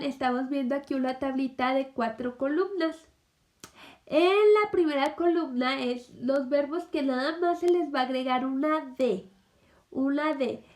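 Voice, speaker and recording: A woman teaching a recorded English lesson to children, explaining patiently and checking in with "ok?" again and again. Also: sits high. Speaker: primary school English teacher.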